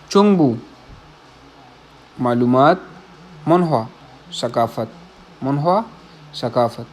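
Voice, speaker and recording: A fairly high-pitched man from Pakistan teaches Korean vocabulary in a casual, classroom-style lesson. He reads and repeats each word, explains it in Urdu, and keeps checking that his listeners are following.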